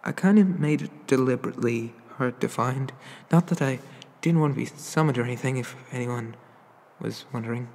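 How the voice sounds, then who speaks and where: Here a man voices an inexperienced young incubus demon for ASMR roleplay, shy and awkward, stammering through apologies in a husky, breathy way. The delivery feels natural, mid-range and a little mellow at a normal speed, with a long reverb tail.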